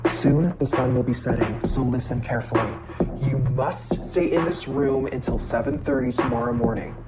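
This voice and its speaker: Lady doing a stern old healer woman, super low voice, grave commanding warnings, horror story w loud music. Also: normal speed.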